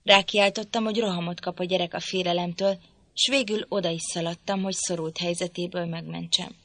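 Calm woman narrating an audiobook. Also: lowish voice. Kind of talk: scripted narration.

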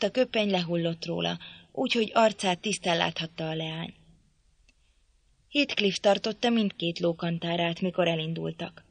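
A woman reading a novel aloud in a measured, steady storytelling manner. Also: on the low side, no echo. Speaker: audiobook reader.

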